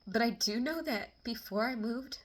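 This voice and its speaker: A woman talking candidly to her camera about friendship, emotional and frank, swinging between laughter and near tears and swearing casually. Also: a little high. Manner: swears casually, quick bursts of exasperation. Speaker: vlogger. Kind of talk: personal confessional talk to camera.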